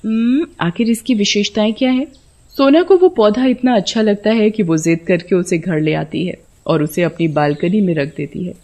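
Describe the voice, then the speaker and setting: A woman narrating an animated horror story in a steady storytelling voice. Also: fairly low pitch, moderate pace, few pauses.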